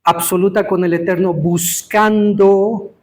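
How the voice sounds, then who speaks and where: A man giving an interactive Torah teaching to a live congregation, quizzing listeners and stressing words slowly. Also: sits high, steady tone, a little mellow.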